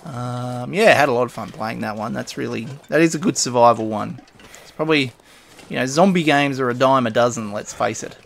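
Chatty gravelly man. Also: medium pitch, a little fast. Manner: chatty, rambling, mutters item names and laughs to himself. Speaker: gaming video host. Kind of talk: casual gameplay commentary.

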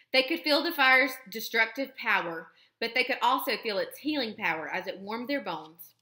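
A woman, a teacher, reading a children's book aloud with expressive, steady storytelling. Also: a little high. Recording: roomy echo.

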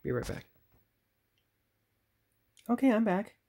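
This man's gravelly voice sits high and has a dark tone and a sing-song lilt, and he takes things slowly against slight background noise. As a channel host and model builder, he paints at a workbench and chats casually to viewers, musing aloud and fixing his own slips. It's recorded on a phone camera mounted on a tripod.

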